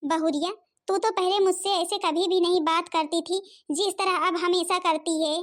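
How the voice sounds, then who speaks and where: A woman's voice: very high-pitched, fairly even intonation, moderate pace. A woman voicing a fretful, self-pitying old mother-in-law in a cartoon, complaining plaintively. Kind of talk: Hindi cartoon voice acting.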